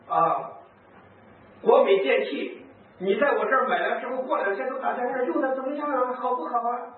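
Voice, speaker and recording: Animated priest, distant echoey hall. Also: male voice, very high voice, narrow, tinny audio, a little hiss or hum. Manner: animated storyteller, acts out quoted speech, chuckles. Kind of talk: lively talk with anecdotes to priests and nuns.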